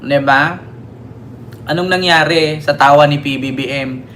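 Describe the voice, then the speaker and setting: A man's voice: on the high side, a little slow, a bit bright, a little hiss or hum. A man from the Philippines hosting a mocking political commentary stream, taunting his critics, swearing and asking "di ba?" again and again. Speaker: political vlogger and livestream host.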